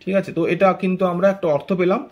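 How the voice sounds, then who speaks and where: A man's voice: high voice, little pitch movement, rapid-fire, dull audio. A man teaching English grammar to learners in Bengali, explaining step by step and checking often that they follow. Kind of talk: classroom grammar lesson.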